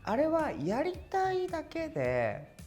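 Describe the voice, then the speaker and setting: A man's voice: extremely high pitch, huge pitch swings, takes it slowly, a little mellow, soft background music. A drag queen from Kyushu hosting a chat and telling stories in a blunt, dramatic way. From Kyushu, Japan. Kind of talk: casual chat.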